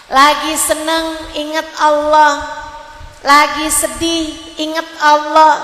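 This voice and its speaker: Woman preacher, high bright voice, slow measured sermon with repeated refrains, echoey hall. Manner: repetitive, exhorting refrains.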